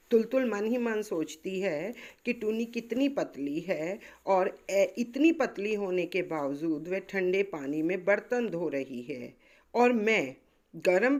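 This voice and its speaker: Brief: woman teacher, slow and deliberate, paraphrases the text line by line. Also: medium pitch, darkish tone. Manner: repeats and paraphrases each line. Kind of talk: explaining a textbook chapter.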